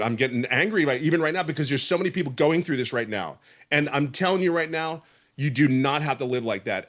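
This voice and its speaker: A man's voice: mid-range voice, a bit bright. A middle-aged man from Philadelphia, speaking with a Philadelphia accent, gives a passionate, emphatic testimonial and often repeats himself. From Philadelphia, USA. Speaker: program member giving a testimonial. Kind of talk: emotional testimonial on a video call.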